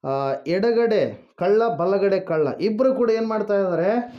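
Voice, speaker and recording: High-voiced preacher asking questions. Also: male voice, lively intonation, slow, muffled recording. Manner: asks the congregation questions and answers them himself; calls out hallelujah and praise the Lord. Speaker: pastor. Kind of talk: sermon.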